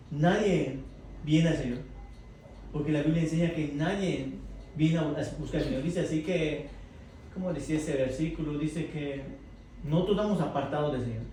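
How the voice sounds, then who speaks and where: A man's voice: on the high side, dark tone. A man leading an interactive Bible class, quizzing the group and tagging his points with "right?". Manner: asks the group questions, tags lines with "verdad?". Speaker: Bible study teacher. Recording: echoey room from far off, faint noise.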